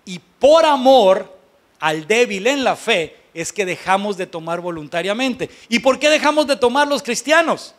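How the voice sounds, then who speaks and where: A Mexican pastor with a notably high voice for a man preaches to his congregation in a blunt, emphatic, colloquial style, frequently putting rhetorical questions to them. He sounds expressive and a bit bright, speaking at normal speed with few pauses.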